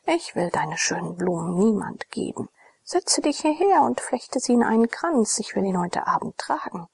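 A woman whispering as a gentle young Athenian mentor, whispered role-play. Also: normal speed, vocal fry, slightly rough, heavily acted. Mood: tender. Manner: calm, soothing low whisper.

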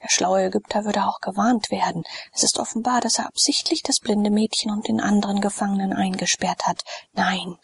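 A woman's voice: mid-range voice, fairly even intonation, a little fast, gravelly, hardly any pauses, breathy edge, dry recording. A woman doing a loyal freedman servant. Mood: earnest.

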